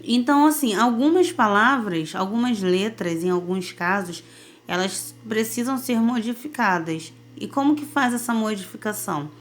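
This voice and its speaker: A woman's voice: mid-range voice, slight background noise. Patient woman teaching children. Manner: lively and patient, often asks "né?" and "tá?". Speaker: primary school teacher. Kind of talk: recorded remote lesson for children.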